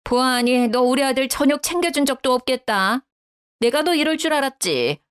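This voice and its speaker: A woman's voice: high-pitched, expressive, normal speed, smooth, voice pushed up. A woman voicing a domineering middle-aged mother-in-law who scolds in a raised, condescending tone. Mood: scolding.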